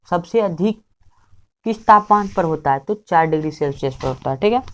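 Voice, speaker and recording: A woman teaching an exam revision lesson. She asks each question, gives the answer, repeats it, then closes with a quick check before the next one, and corrects her own slips as she goes. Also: on the low side.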